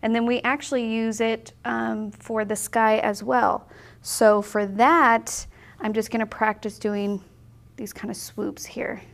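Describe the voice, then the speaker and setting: A cheerful, talkative watercolor teacher in her 30s sits at a table in an indoor studio, filming a casual painting tutorial. Her voice is a little high with vocal fry and fairly even intonation, and she takes her time. She's upbeat and chatty, walking through each step.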